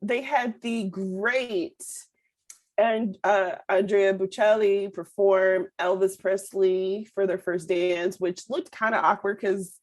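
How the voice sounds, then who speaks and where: A woman co-hosting a podcast in casual chat, talkative and quick to laugh. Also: mid-range voice, fairly even intonation. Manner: chatty, laughs often. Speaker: podcast co-host.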